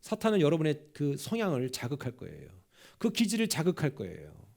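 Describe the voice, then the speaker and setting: Lively gravelly-voiced male pastor preaching. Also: on the high side, a little fast. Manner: animated, conversational, often asks the congregation questions. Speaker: senior pastor. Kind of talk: sermon. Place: church sanctuary.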